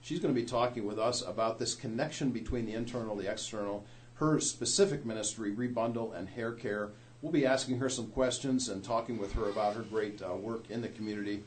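A man's voice: fairly low pitch, a little hiss or hum. Preacherly male radio show host. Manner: measured, preacherly, hesitant with fillers. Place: radio studio.

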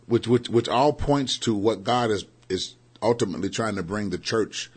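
A male preacher co-hosting a radio program, fervent and emphatic, drawing out his key words. His voice is fairly low with a husky edge, and he rises in pitch as he builds to a point. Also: normal speed. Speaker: co-host, preacher. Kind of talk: preaching in conversation. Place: radio studio.

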